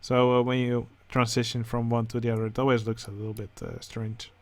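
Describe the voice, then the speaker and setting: A man with a Dutch accent, speaking English as a second language, who hosts a channel and comments casually on game contest entries, pausing often with filler sounds. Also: medium pitch, lively intonation. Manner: hesitant, many filler sounds. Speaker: channel host judging a building contest.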